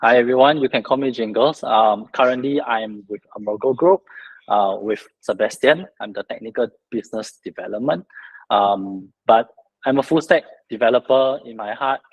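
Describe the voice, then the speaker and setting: A man introducing himself as a guest developer on an online AMA, in a relaxed way. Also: mid-range voice, moderate pace, breathy edge, muffled recording. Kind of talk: casual self-introduction.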